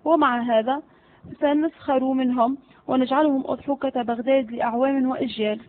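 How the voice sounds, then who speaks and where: A scheming, sweet-talking servant, as a woman reads him in a spoken storybook. The voice is high and the audio is narrow and tinny, like a phone line. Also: a little fast, close to an everyday voice. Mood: sly. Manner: flattering, sly. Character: cunning flattering male servant, scheming.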